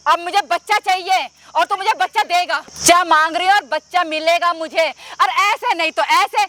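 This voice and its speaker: Woman doing a domineering mother-in-law, very high, bright, insistent, amateur skit acting. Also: fairly even intonation, normal speed. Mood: demanding. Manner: pushy, taunting, insistent. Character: scheming middle-aged mother-in-law, brazen and domineering.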